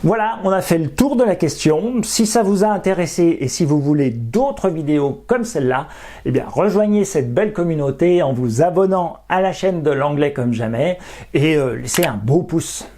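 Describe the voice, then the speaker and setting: English teacher voice, beginner lesson, clear and patient, says the example phrases slow and careful. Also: mid-range voice, expressive, dark tone, a little hiss or hum. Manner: slows down to pronounce each English example carefully; clear step-by-step explaining, with quick asides.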